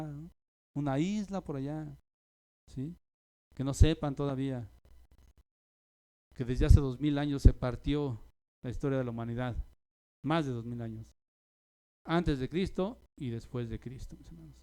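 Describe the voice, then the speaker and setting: A man preaching a sermon to his congregation, asking rhetorical questions and tagging lines with "¿sí?", swinging between loud emphasis and quiet asides. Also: on the high side, smooth. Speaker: pastor.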